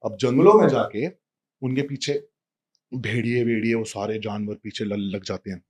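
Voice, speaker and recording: A man telling a devotional story in a lively, casual way, talking straight to a listener. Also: mid-range voice, moderate pace, slightly rough.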